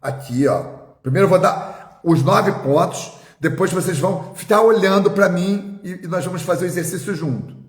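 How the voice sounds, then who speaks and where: A male therapist leading a guided tapping exercise on a live stream, giving calm step-by-step instructions and slowly repeating affirmations. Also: sits high, reverberant.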